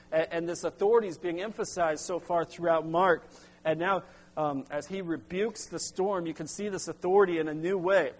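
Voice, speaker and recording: A middle-aged man preaching a sermon as pastor, halting with restarts, then pressing into emphatic bursts. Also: fairly high pitch. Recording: long hall reverb.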